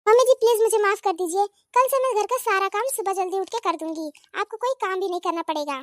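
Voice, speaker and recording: A woman voicing a lazy young village daughter-in-law who whines and pleads quickly. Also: very high voice, dry recording. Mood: pleading.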